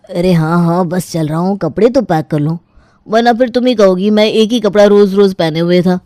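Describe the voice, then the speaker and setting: A woman's voice: medium pitch, normal speed, warm tone, no echo, studio quality, close to an everyday voice. A woman voicing an easygoing young husband who teases his wife. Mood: teasing. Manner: teasing, easygoing. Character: cheerful young husband, joking son-in-law.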